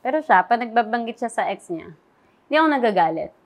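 Soft-spoken young woman recounting events. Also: on the high side, animated, quick pace. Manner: soft, recounting quoted dialogue. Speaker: interview guest. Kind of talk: emotional personal interview.

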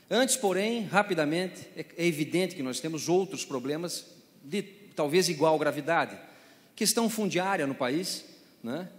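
A man with a fairly high voice gives a brisk, emphatic talk as a lawyer on a seminar panel. He stands on a large auditorium stage, and his handheld mic carries a long hall reverb. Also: a bit bright.

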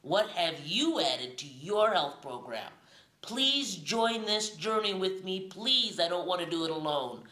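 With a voice on the low side, bright and forceful, plus lively intonation at a measured pace, a middle-aged woman vlogs to a camera held at arm's length. She chats casually and emphatically, repeating words for effect, using a phone or camera. She's largely outdoors in hilly town streets, partly indoors.

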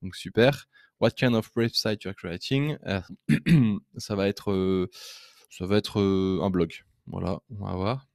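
A man giving a casual, enthusiastic screen-recorded software demo as a web design trainer, chatty and full of hesitant fillers. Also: low-pitched, measured pace, creaky, dry recording, clean studio sound.

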